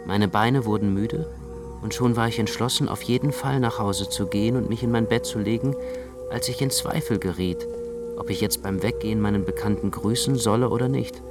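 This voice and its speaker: An actor playing an anxious, introspective young man who narrates his own night walk in a literary radio play, speaking in a measured, intense way. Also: fairly low pitch, over loud music, natural voice. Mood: brooding. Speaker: first-person narrator.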